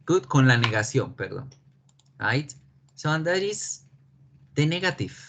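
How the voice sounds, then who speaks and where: A male English teacher whose first language is Spanish, giving an online class in a slow, patient way and often checking that students follow. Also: fairly high pitch, very animated, vocal fry, a bit bright, slight background noise. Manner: slow, patient explaining with frequent check questions. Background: keyboard typing.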